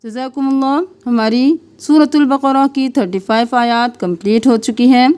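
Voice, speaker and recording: A woman teaching Quran recitation with tajweed. She draws out recited syllables slowly, then explains each rule in brief asides. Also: fairly high pitch, darkish tone, clear, resonant tone.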